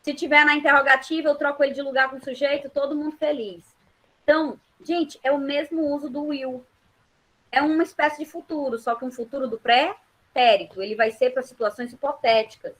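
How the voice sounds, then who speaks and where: A woman's voice: sits high, steady tone, low-quality recording. A woman teaching English grammar in Brazilian Portuguese, explaining step by step and checking that her students follow. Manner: patient, checks understanding with quick questions.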